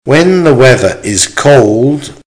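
A man reading an English-lesson dictation aloud in short, deliberate, carefully measured phrases, repeating them and speaking the punctuation. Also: mid-range voice, lively intonation, poor audio. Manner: deliberate, measured enunciation with pauses. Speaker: language teacher reading dictation.

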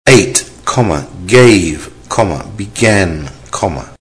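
Man, low voice, very slow, measured dictation reader, spoken punctuation. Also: lively intonation. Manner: measured, deliberate, each phrase said three times.

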